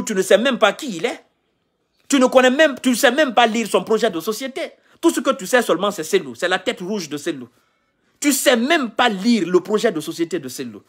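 In a selfie live video, a Guinean political commentator in his thirties rants heatedly from a sofa in a small indoor room, lecturing and repeating his points. His voice is high-pitched, and he films on a phone held at arm's length.

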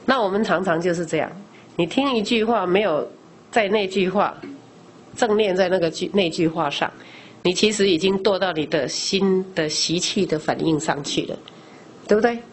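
Middle-aged woman lay teacher, slightly low voice, conversational Dharma lecture full of rhetorical questions; faint background noise. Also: moderate pace. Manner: explains by asking rhetorical questions and answering them; frequent discourse particles, conversational teaching.

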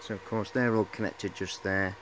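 A hobbyist in his forties shows off high-voltage equipment in a cluttered indoor workshop, chatting casually and hesitantly in a rambling, matey way. His voice is fairly low with fairly even intonation and normal speed. It was filmed on a handheld camera held at arm's length, with clear background noise.

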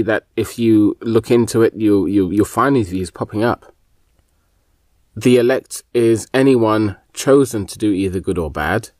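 A man's voice: fairly low pitch, darkish tone, dry recording, studio quality. A man giving an unscripted Bible teaching on a podcast, thinking aloud with many fillers and restarts.

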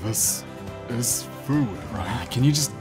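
A man's voice: mid-range voice, slow pace, over music, lightly acted. A man voicing a laid-back, sarcastic young male cook in a comedic anime fan dub.

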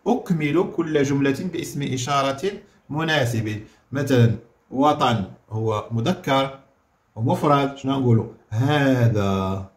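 A man with a Moroccan Arabic accent explains a grammar lesson like a teacher at the board, checking with the class and drawing out each word slowly so it can be written down. His voice sits at an ordinary middle pitch, and the recording carries a clear room echo. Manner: explains with questions, repeats words slowly for dictation. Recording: echoey room.

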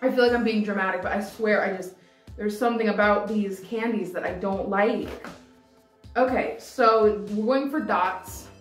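This vlog host, in her twenties, has a medium-pitched voice and normal speed as she chats casually to camera about candy she's tasting, wandering and hesitating with lots of "like." The room is decorated and indoors. Recorded by a camera several feet off, the sound is distant and roomy over background music.

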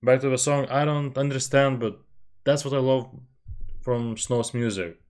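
His mid-range voice stays steady and darkish at a moderate pace as this young Lithuanian-speaking host reacts to music in casual commentary. Set up in a small home bedroom with a headset, desk mic, and webcam, he comes across as chatty and self-deprecating, often laughing.

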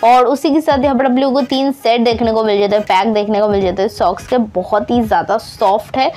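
Young woman hosting a product rundown, chatty, fairly high voice, keeps saying friends. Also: fairly even intonation, brisk, a little mellow. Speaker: product reviewer host. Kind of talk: product review narration.

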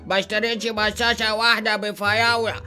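A man with an Egyptian Arabic accent and a very bright, sharp tone bickers and whines through a gameplay comedy skit. Faint music runs behind him. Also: sits high, flat delivery, fast talker. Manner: whiny, bickering sidekick banter. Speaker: co-player in the skit.

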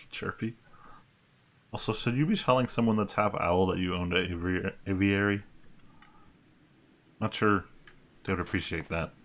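Very deep-voiced man, casual game commentary. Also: normal speed, long pauses, a bit bright. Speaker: let's player. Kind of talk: casual game commentary, reading dialogue aloud. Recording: clear background noise.

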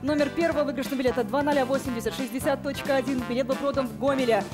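High-voiced young woman announcing lottery results. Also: steady tone, racing. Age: young adult. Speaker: lottery show co-host. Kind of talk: formal announcing of numbers and results. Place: TV studio. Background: music.

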